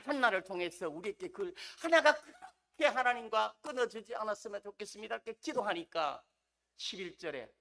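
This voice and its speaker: A fervent preacher with a bright, sharp-edged voice gives a Sunday evening sermon in church. The delivery rises to ringing shouts, then sinks to near-murmurs at the ends of phrases. Rhetorical questions keep the congregation involved. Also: medium pitch. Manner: impassioned, swinging from loud shouts to quiet trailing drops. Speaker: pastor.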